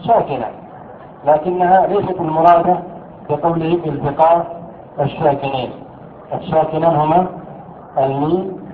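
A fairly high-voiced man leads a grammar lesson. He keeps asking his students questions and answering them himself, stressing each point by repeating it. The sound is thin and phone-like, with a roomy echo and faint noise behind. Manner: repeats key words slowly for emphasis. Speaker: teacher of Arabic grammar. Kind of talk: classroom lesson explaining a text. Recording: echoey room over a thin phone-like line.

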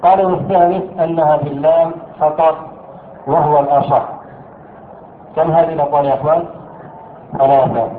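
A man teaching an Arabic grammar lesson. He asks his students questions, answers them himself and repeats key words slowly. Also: fairly high pitch, steady tone, slight background noise. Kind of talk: classroom lesson explaining a text. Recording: echoey room over a thin phone-like line.

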